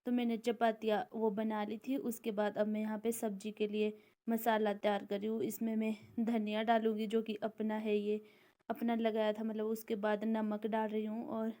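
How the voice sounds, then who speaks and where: A woman's voice: on the high side, monotone, moderate pace, warm tone. A young mother from the Indian hills, chatting easily as she walks through her cooking and childcare. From Indian hill region. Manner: easy, chatty, explains each step. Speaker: vlogger, mother of two daughters. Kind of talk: casual daily-routine vlog voice-over.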